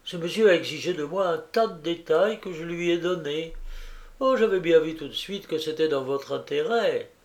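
A chattering, kindly older landlady who gushes in a lifted, higher voice, piling one exclamation on another, as a male reader puts her on. Breathless and effusive in her fussing. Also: moderate pace, natural voice. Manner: breathless, gushing, full of exclamations.

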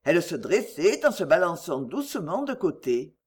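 Expressive audiobook narrator, lively pitch. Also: husky. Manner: measured, expressive storytelling.

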